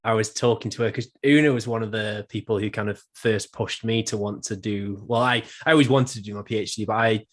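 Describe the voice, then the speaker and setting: A young man hosts a relaxed podcast interview. His voice sits a bit low and sounds nasal and stuffy from a cold. He talks in a chatty, self-deprecating way, full of ums and restarts. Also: brisk, hardly any pauses. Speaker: podcast host.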